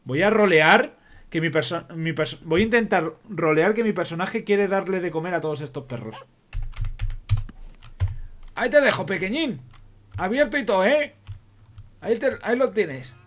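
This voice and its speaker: Male, Spain Spanish accent, high-pitched and animated, jokey role-play gamer who swears and talks to himself. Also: normal speed, pauses often. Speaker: roleplay streamer. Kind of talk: in-character game role-play commentary.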